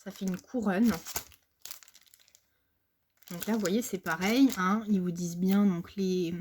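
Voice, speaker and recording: A woman's voice: medium pitch, steady tone, slow pace, darkish tone, a little hiss or hum. Chatty French woman showing craft buys. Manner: hesitant, many fillers and restarts. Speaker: crafting haul vlogger. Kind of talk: casual chat.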